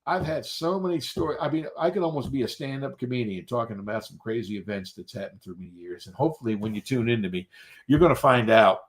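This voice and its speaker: A middle-aged man talks casually on a live stream and spins rambling work stories. He pauses often and restarts his sentences. His voice sits in a middling pitch. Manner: rambling, animated anecdotes with hesitations. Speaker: tile and grout cleaner, owner-operator.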